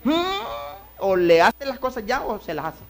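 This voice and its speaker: A preacher delivers an evangelical sermon at a mid-range pitch. The voice surges into loud exclamations, then falls into low, confiding asides. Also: expressive, moderate pace. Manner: swings between loud exclamations and low asides, acting out quotes. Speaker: pastor.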